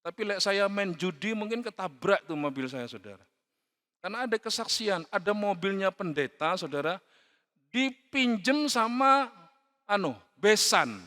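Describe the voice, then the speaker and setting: A man preaching a sermon as pastor, mixing in words and swinging from soft asides to loud calls. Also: sits high. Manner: mixes Javanese words into Indonesian, frequent "saudara" and "ya kan". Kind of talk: church sermon. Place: church hall. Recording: long reverb of a church hall.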